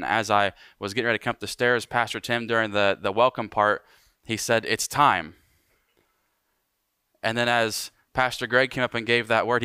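Casting: young male pastor, bright and forceful, dry close sound, animated sermon delivery. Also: mid-range voice, smooth, dry recording. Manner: animated preaching, slows for emphasis.

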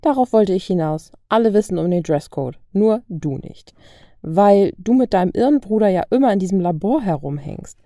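A woman's voice: medium pitch, animated, moderate pace, warm tone, no echo, studio quality, natural voice. A woman reading a story aloud, voicing a cool, superior female secret agent with a smug, teasing manner. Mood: teasing, insistent. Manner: smug, teasing, self-assured. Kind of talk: audiobook reading of fan fiction.

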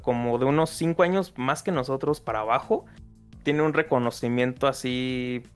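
A man's voice: mid-range voice, normal speed, smooth, soft background music. A young man with a Mexican accent, talking casually on a podcast in a rambling way, full of slang and laughter. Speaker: podcast host. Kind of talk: casual chat.

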